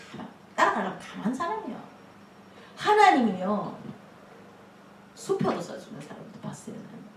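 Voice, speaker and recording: A woman pastor preaching a lively sermon, laughing often and acting out quotes. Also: on the high side, a little hiss or hum. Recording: echoey room, mic at a distance.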